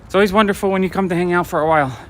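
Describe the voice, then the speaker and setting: A man's voice: high-pitched, rapid-fire. A man casually chatting and telling stories while walking outdoors at night, talking to viewers from a phone he holds. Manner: chatty, storytelling, talking to live chat. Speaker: vlogger and comic shop owner. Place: city streets at night, outdoors. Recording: light street noise, traffic.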